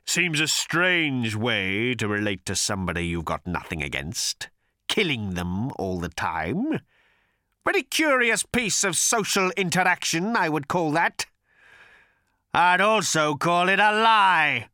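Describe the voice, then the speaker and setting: A man voicing a bitter, vengeful male creature who snarls and hisses slowly and with menace in an audiobook. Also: fairly high pitch, lively intonation, bright, forceful tone, no room sound, studio quality, voice pushed up. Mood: menacing. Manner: snarling, hissing, slow and menacing. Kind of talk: audiobook character voice.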